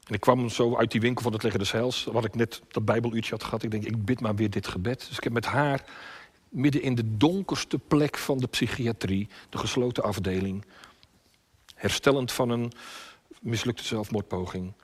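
A male pastor with a slightly husky voice delivers an impassioned sermon. He swings between loud, pleading cries and hushed, almost whispered prayer. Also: lowish voice.

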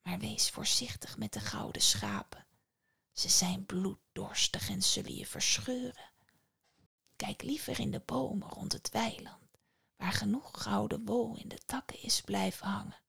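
Whispered role-play: a woman doing a gentle nature spirit, breathy and slow, faintly gravelly. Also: medium pitch, animated, full character voice. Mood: soothing. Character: whispering spirit voice of the wind and water.

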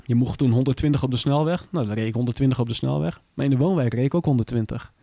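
Man, blunt plain talk, some cursing, mellow dark voice, dry close sound. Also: mid-range voice, fast talker, vocal fry, no echo. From Groningen. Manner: blunt and plain-spoken, with frequent swearing. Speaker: guest, former police officer. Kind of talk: candid interview talk.

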